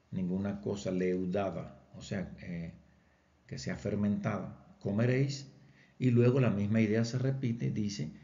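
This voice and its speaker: A man's voice: on the low side, vocal fry, dark tone, dull audio. A man giving a patient explanatory lecture as a Bible teacher, repeating his points with examples and reading verses aloud.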